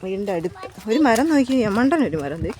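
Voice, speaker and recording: A woman's voice: mid-range voice, very animated, a little fast, a crowd in the background. A woman in her thirties, a vlogging mother, chatting casually to her viewers while calling out to her children on an outdoor walk. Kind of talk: casual family vlog, walking and chatting. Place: outdoors on a rural road. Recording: outdoor background noise.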